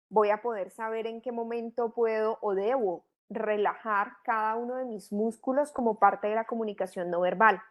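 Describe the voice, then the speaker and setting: A middle-aged woman, teaching a training course in a didactic way, asking many rhetorical questions. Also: a little high. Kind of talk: online training lecture.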